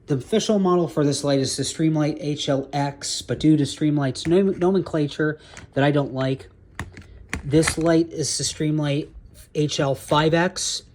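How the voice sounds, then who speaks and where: A man's voice: on the high side, steady tone, measured pace, noisy background. A man in security work walking through his duty belt gear casually, rambling and correcting his own slips as he goes.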